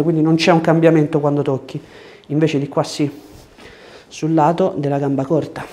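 In a small treatment room, a thirtysomething chiropractor tells his patient what to do and explains things briefly as he works. His voice is fairly high and mellow, recorded on a lapel mic with clear background room noise.

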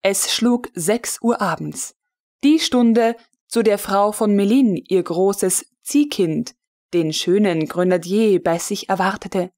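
A woman narrating a literary audiobook in a measured, deliberate way. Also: medium pitch, darkish tone.

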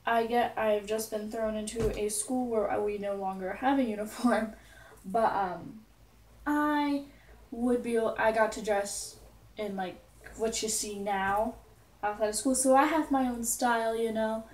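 A woman's voice: on the high side, fairly even intonation, unhurried, echoey room, far from the mic. A teenage girl vlogging casually from her bedroom, rambling and giggly with lots of asides. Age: teens. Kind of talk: casual chatty vlog.

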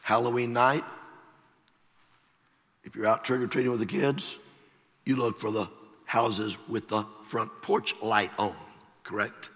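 A middle-aged man with a Texas accent, preaching a sermon slowly and emphatically, letting his phrases fall away softly at the ends. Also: on the low side, fairly even intonation. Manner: slow, emphatic preaching with soft trailing endings. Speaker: pastor. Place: large church sanctuary. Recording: long church hall reverb.

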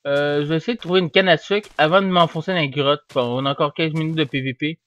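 A young man giving casual, rambling commentary while he plays, getting excited and yelling at the game now and then. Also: on the high side, fast talker, no room sound. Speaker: gamer. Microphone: desk microphone. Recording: dull, dry home mic.

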